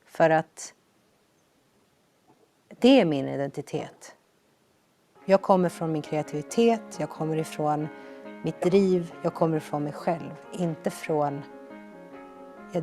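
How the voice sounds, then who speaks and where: A young woman with a low, mellow voice tells her own life story as a personal testimony, earnest and reflective, pausing often. Her energy rises when she re-enacts quoted lines, and soft music plays in the background.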